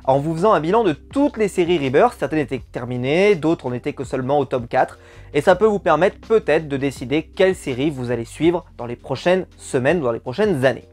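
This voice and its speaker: Man, casual comics reviewer, chatty, slightly high voice, faint music behind. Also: lively intonation, brisk, a little mellow. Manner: chatty, many fillers and asides, upbeat bursts.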